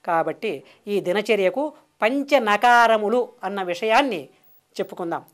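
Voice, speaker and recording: A woman's voice: medium pitch, lively intonation. Woman, spiritual teacher, rhythmic repeated phrases, devotional sermon. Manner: drawn-out exclamations of aha. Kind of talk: devotional discourse answering questions.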